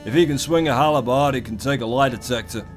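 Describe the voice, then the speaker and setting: British male game commentator, mid-pitched, theatrical and sweary, mock-grand delivery over background music. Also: brisk. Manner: theatrical, irreverent, mock-grandiose with sudden exclamations. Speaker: gaming video host. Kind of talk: comedic game commentary, profane and colloquial.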